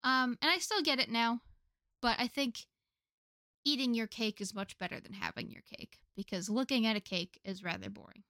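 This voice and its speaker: A young woman from the United States chats easily as a podcast co-host. She talks loosely, with plenty of fillers and quick laughs. The sound is close and dry. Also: a little high, expressive, pushed and bright, no echo. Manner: chatty, laughs often, many fillers. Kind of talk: casual chat.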